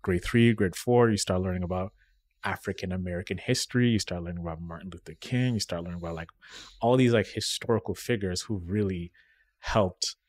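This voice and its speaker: A young man from Kenya with Swahili as his first language talks through memories on a podcast, often tagging his sentences with a questioning "right?". His voice sits fairly low, and the recording is close and dry with no room sound. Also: fairly quick, no echo. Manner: reflective storytelling, frequent "right?" tags. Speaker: podcast guest. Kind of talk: casual podcast conversation.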